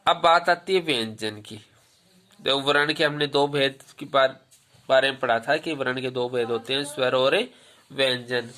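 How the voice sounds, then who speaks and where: A man's voice: mid-range voice, normal speed, sharp tone. A man teaching Hindi grammar, asking his pupils questions, answering them himself and repeating the key points. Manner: tells pupils to remember. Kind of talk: classroom lesson with questions to pupils.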